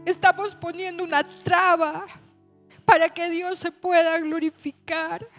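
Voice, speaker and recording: A woman pastor preaching a sermon, telling a personal story in a chatty way and slowing down to stretch words for emphasis. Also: high voice.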